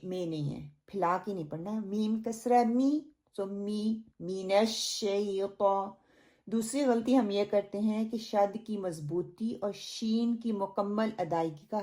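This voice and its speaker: Woman, recitation teacher, unhurried, drawn-out demonstrations, medium pitch. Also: darkish tone. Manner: slow, drawn-out demonstrations of each sound, then correcting errors. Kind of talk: online tajweed lesson.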